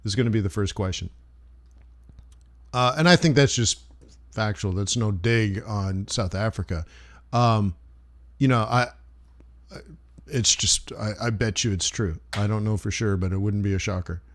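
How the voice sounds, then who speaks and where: A man hosting a live trading stream, chatting casually with viewers in a rambling, loose and friendly way. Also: mid-range voice. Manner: rambling, loose and chummy, many restarts. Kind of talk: casual livestream chat answering viewers.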